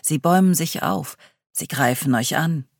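A reader voicing Paul, a thoughtful group guide who leads slow imagery in an audiobook. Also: medium pitch, creaky, no room sound, clean studio sound. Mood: guiding. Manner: slow, guiding, evocative. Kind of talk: audiobook reading.

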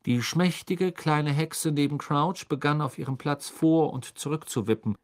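Measured audiobook narrator. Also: medium pitch. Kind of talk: scripted storybook narration.

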